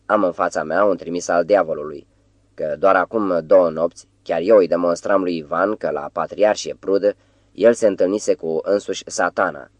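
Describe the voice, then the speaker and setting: A man's voice: deep voice, dry recording. A man voicing a weary, agitated middle-aged writer who speaks with exasperated irony. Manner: ironic, exasperated.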